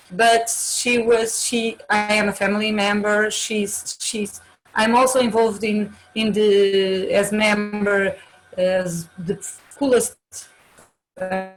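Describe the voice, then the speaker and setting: A woman's voice: mid-range voice, low-quality recording. A woman in her forties with a Portuguese accent, introducing herself as a webinar panelist on a video call and often hesitating as she searches for her words in English. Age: 40s.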